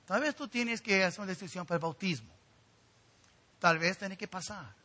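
A man's voice: high voice, expressive, moderate pace, pushed and bright. A man pastor preaching a sermon and appealing directly to his congregation.

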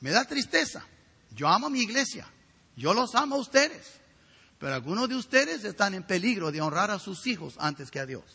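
A middle-aged male pastor preaching a sermon with a raspy, gravelly voice and emphatic rhetorical questions. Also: high-pitched, very animated, normal speed, pushed and bright. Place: church sanctuary. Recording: reverberant hall.

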